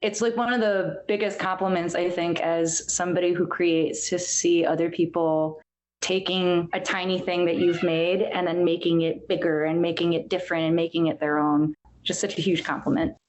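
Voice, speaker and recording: A woman musician chats casually and appreciatively about her new record. Her voice sits a little low for a woman, and she laughs easily as she talks. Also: little pitch movement, moderate pace, darkish tone, a little hiss or hum. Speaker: band member, musician. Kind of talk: casual interview chat.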